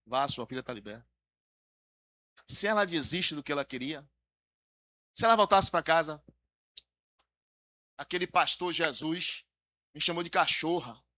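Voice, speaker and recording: A man preaching a dramatic sermon as pastor, acting out quoted voices and swinging between soft passages and loud exhortation. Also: high voice.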